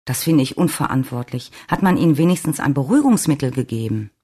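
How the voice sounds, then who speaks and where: A reader voicing a stern hospital nurse who speaks insistently in an audiobook. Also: female voice, rumbling low, expressive, quick pace, mellow, breathy edge, heavily acted.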